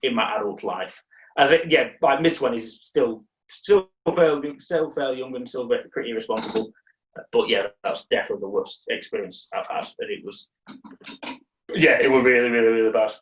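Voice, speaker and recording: A man's voice: mid-range voice, fairly quick, reverberant, recorded from a distance, highs cut off. A young man co-hosting a podcast, telling a story in a rambling, self-mocking way with many restarts. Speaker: podcast co-host. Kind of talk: casual chat, storytelling.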